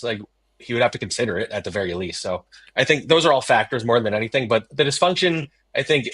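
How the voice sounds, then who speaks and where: A man's voice: on the low side, a bit bright, dry recording. A man working as a team beat reporter in a casual sports chat, leaning on fillers like "you know" and "I mean".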